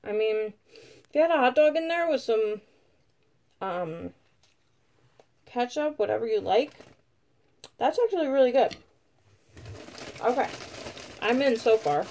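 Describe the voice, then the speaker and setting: A woman's voice: on the high side, animated, unhurried, pauses often, warm tone. A woman giving a casual product review at home, chatty and rambling with lots of fillers, sometimes talking while eating. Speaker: vlogger reviewing food.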